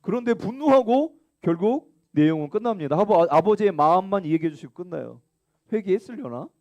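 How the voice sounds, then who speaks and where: A man's voice: brisk, dull audio. A man preaching a children's sermon in a church, leading the group in reading aloud together. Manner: lively, acts out the elder son's complaints in a high whiny voice; leads call-and-response reading. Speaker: children's pastor. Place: church sanctuary.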